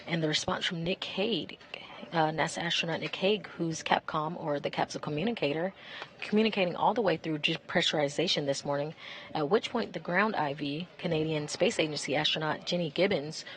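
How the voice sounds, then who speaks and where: A woman giving measured, informative live commentary as a public affairs announcer for a spacewalk. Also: low voice, a little hiss or hum, poor audio.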